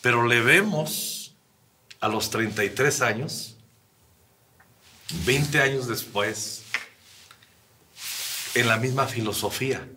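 Bright-voiced man chatting with halting restarts. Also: medium pitch, slight background noise. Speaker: co-host. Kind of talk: casual chat.

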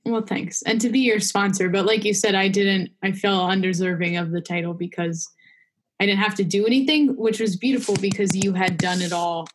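A woman's voice: medium pitch, fairly even intonation, fairly quick. Chatty young woman hosting a podcast. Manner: warm-hearted, lots of fillers like "um" and "you know". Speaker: podcast host. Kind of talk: casual faith podcast chat.

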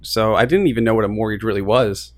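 A young man from Queens, New York, co-founder of a lending business, talks as an interview guest about how he started the company. His voice is on the low side and fast, and he's easygoing and self-deprecating, restarting often.

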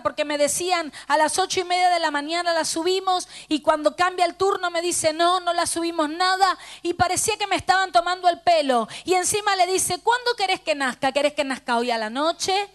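Her voice is very high-pitched and fairly bright, moving at a moderate pace. This middle-aged pastor, whose Spanish carries a Rioplatense accent, preaches a fervent personal testimony and voices the words of the people in her story.

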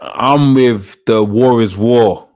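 A man's voice: medium pitch, takes it slowly, a little mellow. A man, chatting casually as a co-host and often repeating phrases for emphasis. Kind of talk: casual chat about wrestling on a live show.

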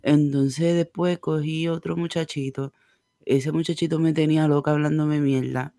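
A man co-hosting a casual podcast, telling animated anecdotes about his driving shifts and slipping in English phrases. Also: a little high, moderate pace, no echo, studio quality. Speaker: podcast co-host and driver. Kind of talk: casual storytelling.

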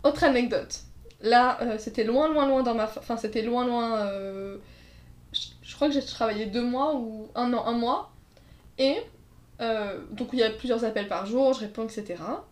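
A woman's voice: a little high, normal speed. A woman telling casual anecdotes in a chat, acting out quotes and laughing along. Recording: roomy echo.

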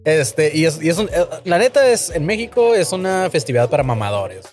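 Animated, irreverent northern Mexican man. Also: on the high side, fairly quick. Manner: profane, irreverent slang. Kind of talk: casual joking banter. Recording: music playing behind.

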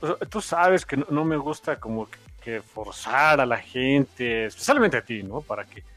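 A man's voice: mid-range voice, animated, normal speed, fairly bright tone, soft background music. A man co-hosting a comics podcast, joking and laughing easily in casual chat. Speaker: podcast co-host.

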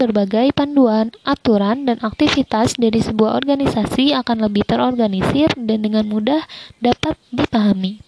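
A young woman, a university student, reading her prepared coursework answers aloud in a measured, careful way. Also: fairly high pitch, dark tone, slight background noise, low-quality recording. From Indonesia. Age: young adult. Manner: measured, careful recitation with occasional slips.

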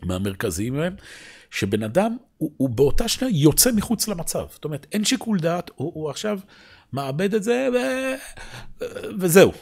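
Animated husky man teaching a religious lesson. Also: a little high. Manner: animated, rhetorical questions to listeners; many restarts and repeated words. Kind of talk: Torah lesson.

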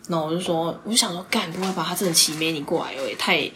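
A young woman tells a story on her podcast in a quick, casual chat, her voice sitting a little low. She talks animatedly, swears in passing and slips into whispered asides, with faint clicks behind her. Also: noisy background. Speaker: podcast host.

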